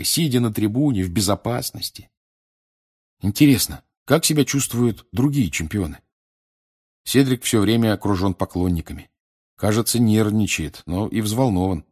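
A man narrating an audiobook in a steady, expressive storytelling manner. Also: fairly low pitch. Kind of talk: audiobook reading.

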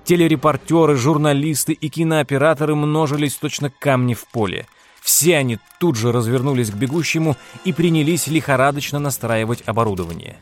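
A man narrating an audiobook in a steady, measured reading style. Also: medium pitch. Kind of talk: scripted narration.

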